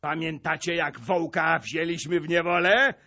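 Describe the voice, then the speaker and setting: A man voicing a grim, vengeful old male servant, declaiming in rhymed verse with a husky voice. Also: a little high, unhurried, pushed and bright. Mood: boastful.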